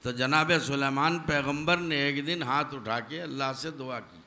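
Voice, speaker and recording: A man's voice: mid-range voice, sharp tone. A male preacher giving a religious sermon, emphatic and full of rhetorical questions, often asking the audience whether they are paying attention. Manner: addresses audience directly, demanding attention.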